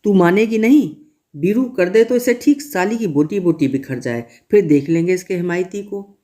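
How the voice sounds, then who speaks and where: Raging older brother-in-law, raised pitch, mellow tone, shouted threats, storybook reading, put on by a male reader. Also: normal speed, natural voice. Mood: enraged. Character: furious older man, domineering elder brother-in-law.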